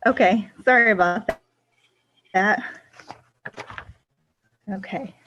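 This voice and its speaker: A woman's voice: medium pitch, takes it slowly, a bit bright. A woman council clerk speaking over a bad remote connection whose audio glitches and breaks up. She apologizes and checks that she can be heard before calling the roll. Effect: glitchy, breaking-up online call audio. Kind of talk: calling a roll call vote. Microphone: remote call connection. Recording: dull, distant remote call with faint noise.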